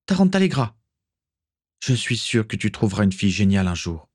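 A woman's voice: a bass voice, big pitch swings, brisk, a little mellow, husky, no room sound, clean studio sound, exaggerated voice. A man voicing a fierce young female witch pirate who speaks in clipped, urgent bursts.

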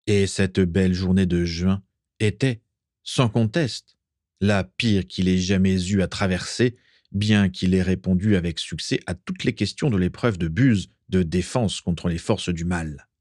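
A man narrating a fan fiction audiobook in a measured storytelling manner. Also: low voice, darkish tone, dry recording, clean studio sound.

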